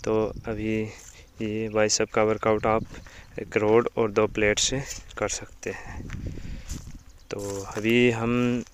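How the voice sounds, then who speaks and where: A man's voice: lowish voice, completely flat delivery, slow, slight background noise. Young man hosting an outdoor gym tour. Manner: chatty, repeats calls to like and subscribe. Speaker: gym owner and vlog host. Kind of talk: casual gym tour narration.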